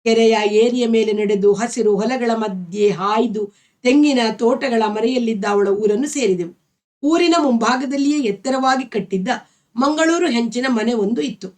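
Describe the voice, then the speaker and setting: Woman storyteller, fairly high voice, steady expressive novel reading. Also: normal speed.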